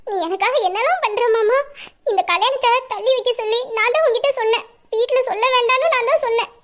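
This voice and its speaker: A woman voicing a shy young woman soon to be married, speaking softly with teary, grateful love. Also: very high-pitched, fast. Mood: teary, loving. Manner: soft, teary, sweetly grateful. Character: shy, loving young bride-to-be. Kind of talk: audio drama acting.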